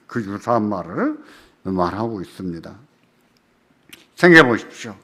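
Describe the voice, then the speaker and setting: A male pastor delivers a sermon with a lively, wide-ranging pitch and a bright, forceful tone. He poses rhetorical questions to his listeners and drives points home by repeating them. His delivery swings between emphatic loud lines and soft ones. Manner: asks the congregation rhetorical questions and repeats key phrases. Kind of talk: sermon at a church prayer meeting.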